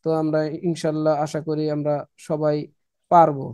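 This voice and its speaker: A man teaching Quran reading in an online lesson, pausing often with filler sounds and drilling syllables slowly. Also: a little high, completely flat delivery, a little mellow, smooth, no room sound.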